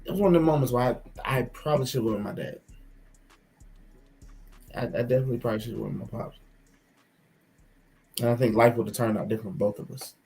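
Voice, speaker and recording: A man's voice: medium pitch, fast, gravelly, pauses often, a little mellow, soft background music. Candid man in reflective, sweary chat. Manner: candid, swearing, repeats phrases for emphasis. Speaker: co-host of a casual talk show. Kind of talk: casual, reflective chat among friends.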